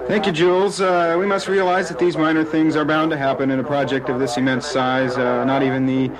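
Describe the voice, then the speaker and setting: A man playing an earnest, unflappable anchor with measured, hesitant delivery in a parody radio newscast. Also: a little high, flat delivery, crowd noise, lightly acted. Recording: clearly noisy radio skit recording.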